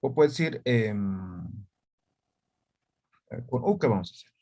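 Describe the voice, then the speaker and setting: A man's voice: medium pitch, lively intonation, a little slow, dark tone. A man teaching an online language class, explaining patiently and checking often that students follow.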